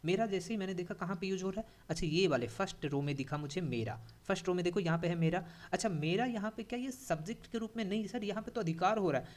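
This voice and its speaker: A young adult man with an Indian accent teaching a grammar lesson in a classroom style. He repeats key points and asks the class questions as he goes. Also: sits high. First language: Hindi.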